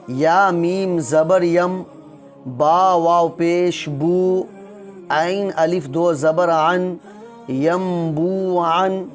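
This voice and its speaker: High-voiced man teaching Quran reading. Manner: recites verses slowly in a melodic chant; explains rules quickly in plain speech. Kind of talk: spelling out letters and reciting for a reading lesson.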